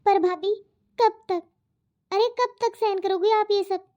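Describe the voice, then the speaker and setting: In a cartoon, a woman voices an outspoken, spirited young unmarried daughter who argues and protests. Her voice is very high-pitched, with a steady, warm tone and a measured pace. The recording sounds dull and lo-fi.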